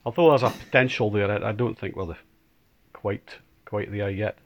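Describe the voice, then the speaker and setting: A man, the host's father, chatting casually about sports in a halting way and repeating words while he thinks. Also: fairly low pitch.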